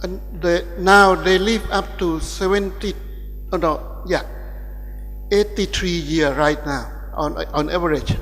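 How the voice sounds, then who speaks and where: Thai guy giving a keynote, kinda high voice, lots of restarts, echoey big hall. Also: a bit bright, faint music behind. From Thailand. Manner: halting, with many restarts and fillers. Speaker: guest lecturer. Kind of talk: academic keynote speech. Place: large ceremonial hall.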